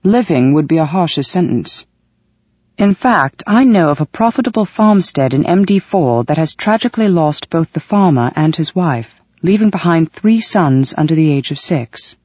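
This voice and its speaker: Calculating official man, measured, wry, as an audiobook reader plays him, mellow, dull lo-fi sound. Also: on the high side, lively intonation, husky, no echo. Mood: stern. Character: cool, calculating male official, dryly amused. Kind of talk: audiobook reading.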